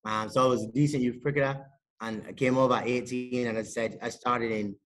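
A man, talking as a podcast guest on a video call in a small room, measured and modest, with many fillers. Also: medium pitch, steady tone. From Barbados. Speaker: sports psychologist and cricket coach, podcast guest. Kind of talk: casual interview talk. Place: indoors, small room with a plain wall.

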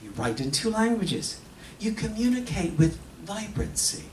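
This is a middle-aged man with a high-sitting voice giving a theatrical monologue he reads from a script, going back and forth between English and Spanish. He stands at a stage podium with a microphone on a stand, speaking emphatically and expressively with careful pauses. The echoey hall audio is distant and slightly noisy.

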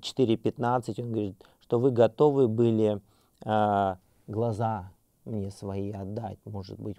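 A middle-aged man teaches a seminary class without a script, pausing on fillers and restarting his sentences as he works through his thoughts. His voice is gravelly and dark, recorded dry with no room sound. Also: lowish voice, dry recording. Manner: hesitant, many fillers and restarts, slows to read scripture aloud. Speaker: seminary lecturer. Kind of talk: unscripted academic lecture.

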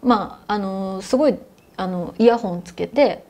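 A young adult woman telling a ghost story in conversation, her voice soft and hushed, at times sinking to near whispers. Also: mid-range voice, a little slow. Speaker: guest storyteller.

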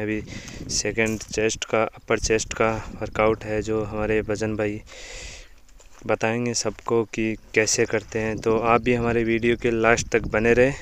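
A man's voice: fairly low pitch, slight background noise. A young man, hosting a casual gym tour vlog at an outdoor village gym and often asking viewers to like and subscribe. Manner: chatty, repeats calls to like and subscribe. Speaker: gym owner and vlog host.

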